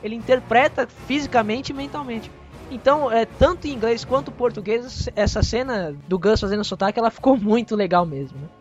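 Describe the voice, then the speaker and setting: A man's voice: very high-pitched, a little fast, faint music behind. Man chatting in a dull lo-fi recording. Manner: relaxed retelling with frequent "né?" tags. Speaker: podcast co-host. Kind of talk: casual recap chat about a TV episode. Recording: dull lo-fi audio.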